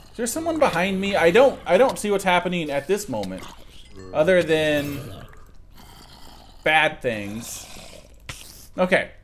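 A man's voice: high-pitched, a bit bright, a little hiss or hum. A young man doing sarcastic let's play commentary, joking with the creatures in the game. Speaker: gaming commentator.

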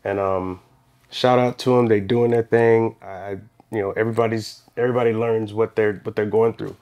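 Laid-back barbershop owner telling stories. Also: male voice, fairly low pitch, normal speed. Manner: relaxed, rambling with restarts, animated when retelling. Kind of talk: casual interview storytelling. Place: small indoor podcast studio.

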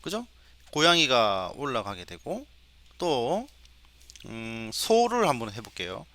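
Man, middle-aged, professor, lecture, slow and deliberate, bright crisp tone, rhetorical questions. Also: mid-range voice, very animated. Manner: imitates animal sounds for the mic. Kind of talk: recorded lecture demo.

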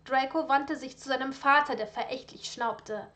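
A woman reading fan fiction aloud, lively, with casual asides. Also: high-pitched, normal speed.

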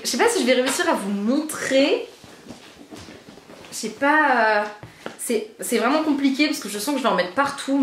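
A bubbly young woman from France with a high voice, chatting excitedly through a casual unboxing vlog. She gushes and piles up repeated words for emphasis. The sound is echoey, as if recorded in a bare room. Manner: bubbly and gushing, repeats trop trop. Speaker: beauty vlogger.

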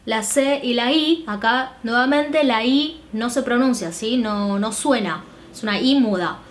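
Female language teacher, unhurried, fairly high voice, drills sounds and keeps checking in with learners. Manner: checks in constantly with short "¿sí?" and "¿bien?"; repeats sounds slowly and clearly for learners to copy. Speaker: Mandarin teacher. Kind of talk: slow, patient pronunciation lesson.

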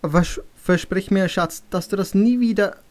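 A man's voice: high voice, normal speed, a little mellow, voice pushed up, natural voice. A man reading an audiobook, voicing a tearful mother who pleads with her son. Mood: pleading, tearful. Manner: sobbing, pleading.

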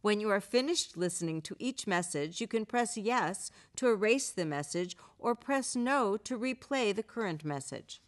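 Measured woman narrating instructions. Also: medium pitch, animated. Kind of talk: scripted narration.

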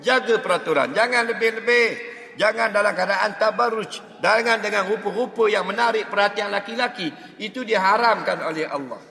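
A man's voice: sits high, normal speed, creaky, sharp tone. A man giving a humorous mosque lecture, answering questions and often checking that the crowd understands. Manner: jokey, keeps asking the crowd if they understand. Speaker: religious teacher. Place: mosque hall. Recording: echoey mosque hall, long reverb.

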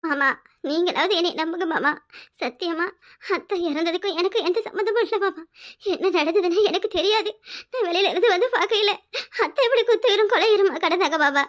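A woman voicing an angry young village woman in a cartoon, firing sharp, accusing questions. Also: extremely high pitch, a little fast. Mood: pleading. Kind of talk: cartoon voice acting.

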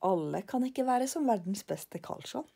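Older woman doing a brash cocky little man, storybook reading, warm, lively delivery. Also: fairly high pitch, gravelly, breathy edge, pitched above the performer's own voice, exaggerated voice. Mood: smug. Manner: brash, self-satisfied, shrugging off worries. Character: boastful carefree little man, loud and cocky.

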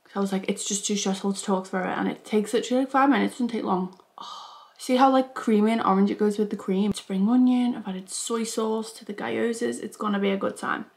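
A woman's voice: medium pitch, steady tone, fairly quick, gravelly. A woman, chatting casually in a mukbang vlog and chewing between sentences. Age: 20s. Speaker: YouTuber.

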